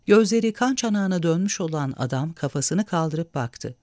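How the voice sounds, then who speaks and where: A man narrating a story aloud with an expressive, measured reading. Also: a little high, dry recording, studio quality.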